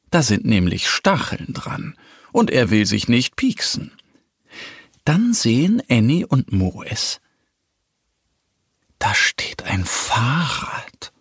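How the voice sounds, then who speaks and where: A man narrating a children's story in a lively, unhurried storytelling manner. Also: mid-range voice, breathy edge, no echo, studio quality.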